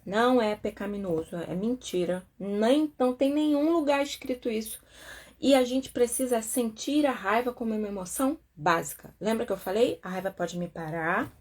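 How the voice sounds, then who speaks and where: Husky Brazilian woman teaching casually. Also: on the high side, normal speed. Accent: Brazilian Portuguese. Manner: chatty, asides with tag questions and acted-out quotes. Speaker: therapist. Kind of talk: reading and commenting on a self-help book.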